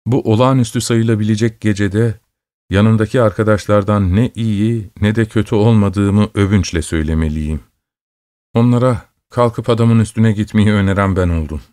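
A man narrating a story in a steady, measured storytelling voice. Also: on the low side, no room sound, studio quality. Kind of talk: scripted narration.

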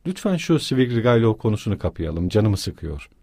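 A man's voice: fairly low pitch, very animated, darkish tone, dry recording, clean studio sound. A man reading a cool, firm young woman. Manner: cold, firm, measured.

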